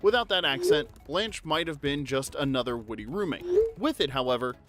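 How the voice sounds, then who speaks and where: A man's voice: mid-range voice, expressive, fairly quick, fairly bright tone, soft background music. A man narrating a trivia video in an upbeat, jokey, conversational way. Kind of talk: scripted narration.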